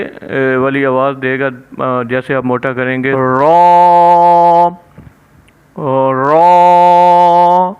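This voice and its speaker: A man's voice: on the high side, clear, resonant tone. A man with a Pakistani Urdu accent teaching Quran letter sounds step by step, holding the letters long and stressing them. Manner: drawn-out, emphatic letter sounds between plain explanations. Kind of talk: step-by-step recitation lesson. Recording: dull lo-fi recording.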